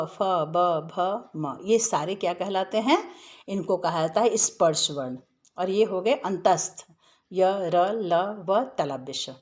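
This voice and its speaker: A woman's voice: lowish voice, a little mellow. A woman teaching a grammar lesson, explaining step by step in a patient way and often checking that her listeners follow.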